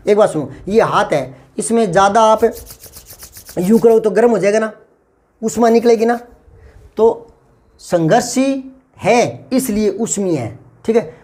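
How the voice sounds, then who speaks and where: A man's voice: high-pitched, a little mellow. A man teaching grammar in an exam-prep lesson. He explains patiently, repeats key terms and asks rhetorical questions.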